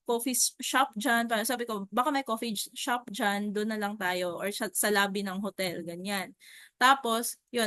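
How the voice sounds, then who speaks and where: A young woman with a Filipino accent tells a story in a chatty, animated way, often calling out to her viewers. Her voice sits a little high and sounds bright and sharp. The recording is dry and close, with no room sound. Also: no echo. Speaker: insurance agent. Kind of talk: casual storytelling vlog.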